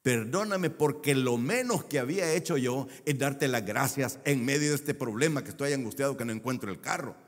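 A man's voice: medium pitch, normal speed, hardly any pauses, in a large hall. A man preaching a sermon as a pastor, stretching key words for emphasis and telling a personal story. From El Salvador.

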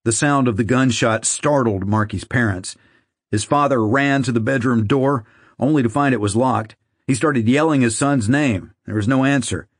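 A man narrating an audiobook in a measured, somber reading. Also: mid-range voice, no echo, clean studio sound. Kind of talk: scripted narration.

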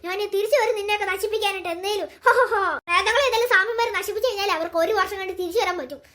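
Woman voicing a male cartoon ghost, evil, cackling, boastful, fast-talking. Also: extremely high pitch, pushed and bright. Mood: vengeful. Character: gloating evil male ghost who enslaves people.

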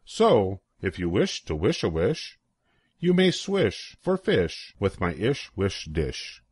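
Proud, whimsical storybook wish-maker read by an older man, declamatory, animated, on the low side. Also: slow pace, breathy edge, no echo, clean studio sound, heavily acted.

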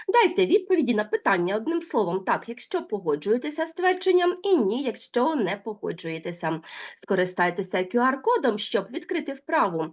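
A woman teacher giving an online school lesson to children, talking straight to the pupils and drawing out the example words slowly. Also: fairly high pitch, muffled recording. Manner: lively, addresses pupils directly, drawn-out example words.

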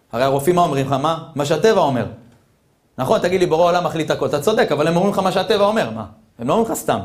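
Brief: male rabbi preaching, rhetorical, hushed to loud, fairly high voice, roomy echo. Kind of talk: Torah sermon.

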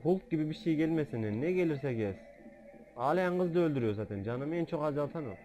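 Excitable swearing man narrating gameplay. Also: fairly high pitch, quick pace, slight background noise. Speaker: gamer. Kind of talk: let's-play gaming commentary.

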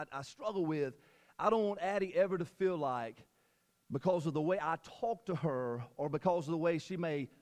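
A male preacher giving a sermon at a church service into a handheld mic. He is energetic, jokes with the congregation and repeats his phrases. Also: on the high side, long reverb tail. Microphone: handheld microphone.

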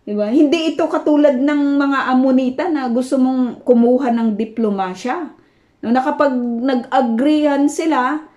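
A woman from the Philippines teaches a Bible passage in a loose, conversational way, with a voice set somewhat high. She keeps checking in with tag questions and slips English words into her talk. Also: normal speed, dark tone, dull audio.

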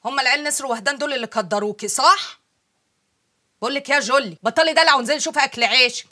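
A woman's voice: sits high, rapid-fire, bright, forceful tone. An actress playing a tough streetwise woman who scolds brashly, with an Egyptian accent. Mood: scolding.

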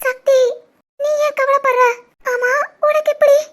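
Woman doing a super high teary young wife, cartoon drama, tirunelveli accent. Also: little pitch movement, a little fast. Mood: tearful. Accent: Tirunelveli Tamil. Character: heartbroken young wife, tearful and yearning.

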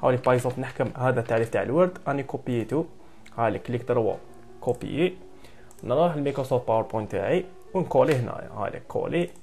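A man with an Algerian Arabic accent explains a presentation program step by step at a very fast clip. He talks in a brisk, practical way and drops French computer terms into his speech. Soft music plays faintly behind him. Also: mid-range voice, expressive, vocal fry. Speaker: software instructor. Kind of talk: screen-recorded tutorial.

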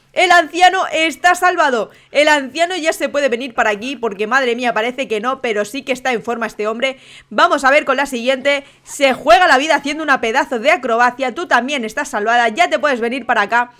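A young woman with a Spain Spanish accent giving excitable let's-play commentary, full of exclamations. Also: sits high, fairly quick. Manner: excitable, frequent exclamations and laughter. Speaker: gaming YouTuber.

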